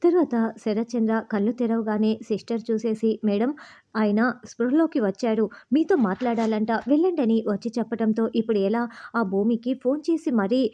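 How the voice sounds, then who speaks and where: A woman's voice: on the high side, moderate pace, muffled recording. A woman retelling a TV serial episode in scripted narration, reading every character's lines in her own narrating voice. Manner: reads all characters' quotes in one even narrating voice.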